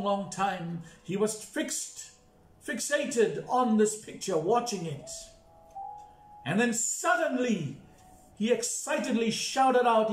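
A male pastor telling a story in a sermon, with dramatic, repeated emphasis. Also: high voice. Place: church. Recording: echoey church with faint music.

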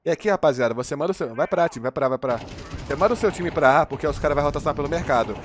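Fast-talking Brazilian streamer man. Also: fairly high pitch, slight background noise. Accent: Brazilian Portuguese. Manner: energetic, slangy, addresses viewers as a crew. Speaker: game streamer. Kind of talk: live gameplay commentary and coaching.

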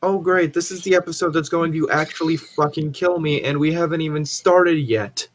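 An anxious, stressed, exasperated podcast co-host pleads and swears while chatting casually with friends, speaking at medium pitch and normal speed.

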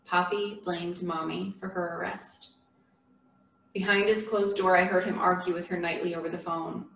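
A woman reads a memoir aloud in a measured, earnest way. Her voice sounds roomy and set back from the mic in a church, with a faint hiss underneath. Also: lowish voice, steady tone, vocal fry, a bit bright. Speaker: memoir reader. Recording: echoey room from a distant mic.

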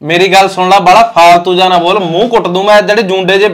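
Man playing an exasperated rapid-fire husband. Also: sits high, flat delivery, background noise, natural voice. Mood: angry. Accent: Punjabi. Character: exasperated young husband and son. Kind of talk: amateur short film acting.

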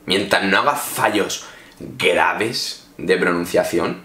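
A man from Spain talks straight to his viewers in a loose, chatty vlog, handing out informal advice. His voice sits low. The room around him is echoey. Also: slow pace, bright, forceful tone. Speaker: English teacher vlogger. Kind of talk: casual advice talk to camera.

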